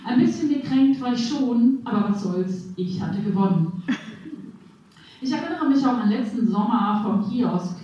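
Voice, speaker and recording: A woman in her forties reading her own humorous first-person column with a wry, deadpan delivery, in a dull, echoey, distant recording. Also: on the high side, normal speed, a little hiss or hum. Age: 40s. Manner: wry, deadpan storytelling with playful voicing.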